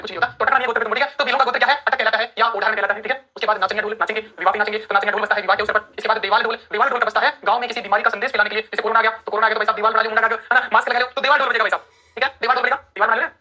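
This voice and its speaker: A woman's voice: medium pitch, bright, forceful tone, husky. A woman teacher giving an exam-prep lecture who quizzes her students and repeats key terms. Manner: repetitive, quizzing, addresses students as friends.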